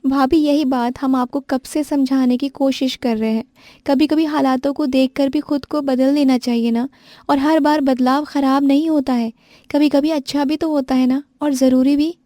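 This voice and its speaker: A woman's voice: high voice, steady tone, moderate pace, mellow, no echo, studio quality, pitched above the performer's own voice, lightly acted. A woman voicing a young sister-in-law who nags and coaxes in a whiny tone. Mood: persuasive.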